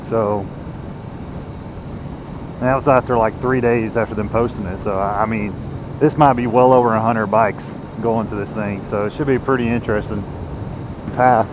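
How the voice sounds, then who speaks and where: A man's voice: mid-range voice, steady tone, normal speed, long pauses. A man from the United States chats casually and rambles as he rides, recorded inside a motorcycle helmet. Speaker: motovlogger. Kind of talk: casual rambling vlog while riding. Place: outdoors, riding a motorcycle on the road. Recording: noisy helmet mic with vehicle noise. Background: engine and road noise.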